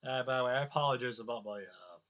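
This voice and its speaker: A man's voice: medium pitch, quick pace, fairly bright tone. A man giving crude, sarcastic reaction commentary on a video, stuffed up and nasal from a cold. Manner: crude, sarcastic, swears often, muttering asides.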